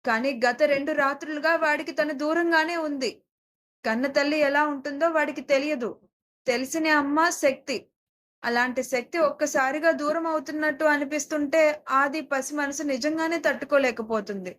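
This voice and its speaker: A woman's voice: high-pitched, moderate pace, a bit bright. A woman narrating an audio story in an emotive, scripted storytelling manner.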